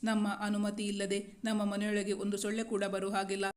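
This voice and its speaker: A woman voicing a gentle young man who calms his frightened beloved in a romantic storybook, speaking in a very flat, even tone. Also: mid-range voice, fairly quick, close to an everyday voice. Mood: soothing. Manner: gentle, reassuring.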